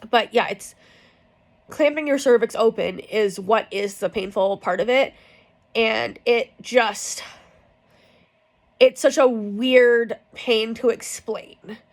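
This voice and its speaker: A woman's voice: a little high, takes it slowly, pauses often. A young woman telling a personal story in a casual, rambling way, frank and full of fillers and swearing. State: in pain from cramps. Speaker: vlogger.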